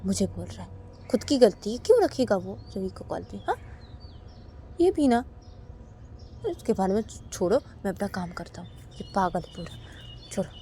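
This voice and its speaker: A woman voicing an indignant older sister in a home-made storybook tale, scolding with shrill questions. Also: very animated, normal speed, slight background noise. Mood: grumbling.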